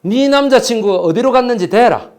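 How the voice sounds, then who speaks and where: A man's voice: very high-pitched, lively intonation, brisk, pitched above the performer's own voice. A man voicing a menacing male interrogator in a lecture retelling, barking blunt threats and commands. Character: menacing male interrogator, later a cornered official.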